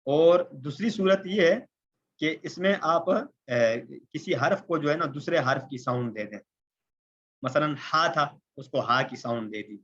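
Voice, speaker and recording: A man from Pakistan teaching a tajweed lesson, explaining step by step, checking in with the listener often and slowing down for Arabic terms. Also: on the high side, expressive, a bit bright. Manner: explanatory, repeats points with "ٹھیک ہے" checks; slows down for Arabic terms and examples. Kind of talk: recorded Quran recitation lesson. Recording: slightly dull lo-fi recording.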